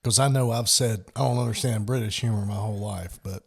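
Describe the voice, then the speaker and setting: A man's voice: fairly low pitch, fairly quick, creaky, breathy edge. A man co-hosting a casual podcast who drops dry wisecracks and laughs at his own jokes. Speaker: podcast co-host. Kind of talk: casual chat.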